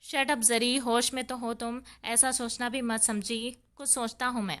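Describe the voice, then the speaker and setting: A woman voicing a stern young man who scolds curtly, then calms his beloved. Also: a little high, natural voice. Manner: curt, scolding.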